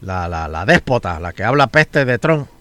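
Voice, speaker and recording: A man's voice: on the low side, sing-song, normal speed, a bit bright, dry recording. A Puerto Rican man hosting casual talk radio, rambling along and often stammering and repeating words as he goes. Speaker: radio talk show host.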